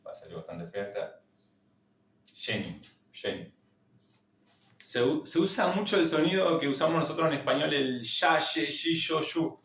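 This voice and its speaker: A man with an Argentine accent teaching a language lesson, repeating each word slowly to drill its pronunciation. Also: on the high side, lively intonation, a bit bright, roomy sound, far from the mic, slight background noise. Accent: Argentine Spanish. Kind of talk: slow spoken lesson.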